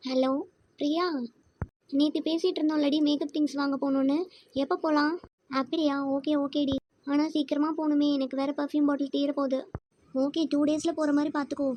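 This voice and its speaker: A woman playing a spoiled, snobbish rich schoolgirl in a church kids' skit, with sharp, dismissive talk. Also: high-pitched, flat delivery, fairly quick, slight background noise, natural voice. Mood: chatty.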